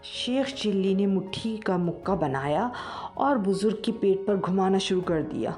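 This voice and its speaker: A woman narrating a comic story in a lively storytelling manner. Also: medium pitch, faint music behind.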